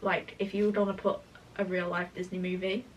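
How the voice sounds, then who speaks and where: A woman's voice: lowish voice, flat delivery, fairly quick, distant mic, slight background noise, low-quality recording. A woman co-hosting a fan podcast in casual, conversational chat.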